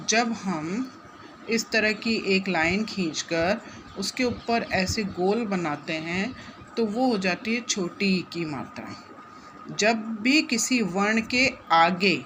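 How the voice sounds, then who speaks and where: Slow, patient woman teaching young children. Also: medium pitch, background noise. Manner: gentle, repeats and stretches syllables, asks the class questions. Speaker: primary school teacher.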